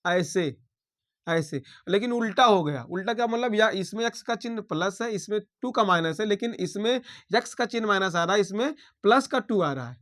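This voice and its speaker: A male maths teacher talks through a problem at a steady classroom pace, naming every sign and step as he works. His voice sits noticeably high for a man. He keeps checking in with the class. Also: moderate pace. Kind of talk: blackboard maths lesson.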